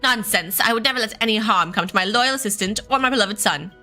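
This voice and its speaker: A theatrical game gentleman inspector acted out by a woman, pompous and florid. The voice is bright and forward, with music behind it. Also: medium pitch, fast talker, lightly acted. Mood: pompous, cheerful.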